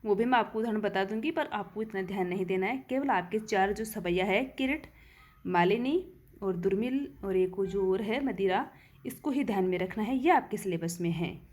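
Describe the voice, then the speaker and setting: A woman's voice: mid-range voice, moderate pace, darkish tone. A woman teaching a Hindi verse-meter lesson, counting syllables aloud and answering her own questions.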